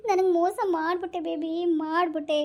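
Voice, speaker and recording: A woman's voice: extremely high pitch, level tone, a little fast, noisy background. A woman voicing a melodramatic, heartbroken young husband in a comic skit, whining and pleading. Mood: wailing. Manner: whiny, pleading, over-the-top lament.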